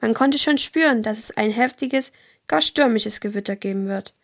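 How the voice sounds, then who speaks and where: A woman reads a children's story aloud with a calm, clear delivery. Her voice sits somewhat high. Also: moderate pace. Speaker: narrator. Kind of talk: scripted children's story narration.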